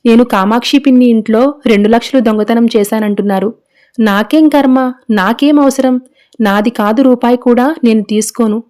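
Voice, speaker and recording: A woman's voice: a little high, steady tone, moderate pace, darkish tone, lightly acted. A woman reading as a defiant young daughter-in-law. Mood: indignant. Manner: pleading, indignant.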